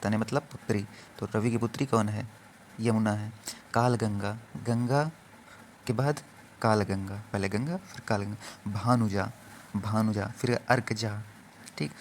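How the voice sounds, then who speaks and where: A man teaching exam vocabulary in an even, steady voice. He repeats each word and keeps asking questions that he answers himself. Faint noise sits under the recording. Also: fairly low pitch, measured pace. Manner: repeats words, quizzes listeners, answers own questions. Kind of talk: exam-prep Hindi vocabulary lesson.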